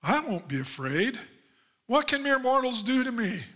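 A male pastor delivering a sermon in a high, bright voice. He reads scripture aloud, then unpacks it with earnest conviction. His tone climbs when he stresses the lines he wants his listeners to remember. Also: big pitch swings, moderate pace. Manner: earnest, rising emphasis on key promises. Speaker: lead pastor.

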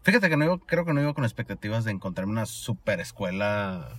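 A man's voice: fairly low pitch, sing-song, fast talker, a bit bright. A young man from Sonora with a northern Mexican accent, telling a story in casual, slangy chat full of swearing. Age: young adult. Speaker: former exchange student telling his story.

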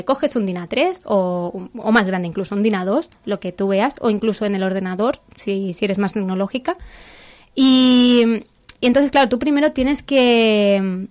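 A woman's voice: fairly high pitch, a little mellow. A woman with a Castilian Spanish accent chatting casually as a segment host, enthusiastic and informal as she explains things step by step. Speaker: segment host presenting a book.

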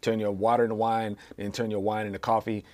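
A man's voice: lowish voice, level tone, fast talker, a little mellow. A man hosting a podcast Bible study, chatting casually and joking, laughing often and using lots of fillers.

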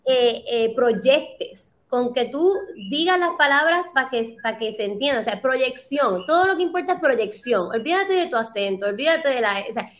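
A woman's voice: fairly high pitch, expressive, normal speed, hardly any pauses, a bit bright. A woman from Rico, a voice actor chatting in an interview, emphatic, repeating key words and slipping into English phrases. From Puerto Rico. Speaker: voice actor guest. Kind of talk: casual interview chat.

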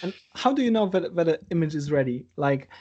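A man hosting an interview, asking hesitant, halting questions. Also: fairly high pitch, big pitch swings, darkish tone, breathy edge, dull audio. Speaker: interviewer host. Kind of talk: casual interview chat.

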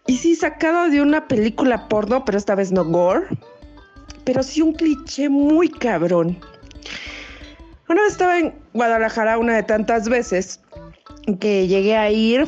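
Woman, Mexico City Spanish accent, high voice, slangy and profane, dull lo-fi audio, faint music behind. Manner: slangy, profane, chatty, lively asides. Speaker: storyteller. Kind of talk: casual spoken anecdote.

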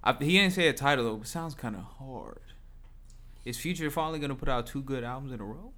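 A man's voice: mid-range voice, fast, sharp tone. A young man co-hosting a podcast, bantering casually in teasing, argumentative, profane slang. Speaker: podcast co-host.

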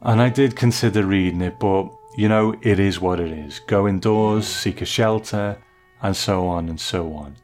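A man hosting a review, giving semi-scripted commentary in a measured, conversational, reflective way. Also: lowish voice. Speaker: host of a TV episode review.

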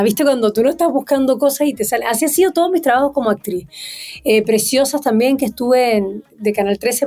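A woman's voice: a little high, warm tone. A woman from Chile and Venezuela, a singer and TV presenter chatting as a guest in a casual interview. She is talkative, spontaneous and laughs often.

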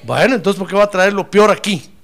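A man preaching a sermon as pastor, animated and acting out the voices of his congregants. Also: high voice, brisk.

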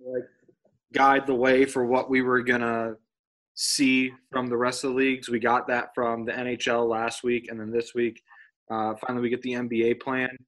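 A man's voice: mid-range voice, little pitch movement, normal speed, fairly bright tone. A man hosting a casual sports podcast, steering topics and asking his co-hosts questions. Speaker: podcast host.

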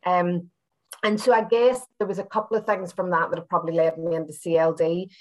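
The audio is poor, but you can hear a brisk woman from Belfast, Northern Ireland, with a low-side, darkish voice and fairly even intonation. She's a university senior lecturer guesting in a casual, reflective personal interview, speaking chattily with her Northern Irish accent, a little hesitant and circling back with hedges.

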